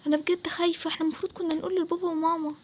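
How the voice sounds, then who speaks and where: A woman's voice: very high voice, level tone, a little hiss or hum, pitched above the performer's own voice. Woman voicing a scared young Egyptian girl. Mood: scared worried. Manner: worried pleading, quick. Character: frightened young girl Salma, cautious and anxious. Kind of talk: storytelling for an animated game video.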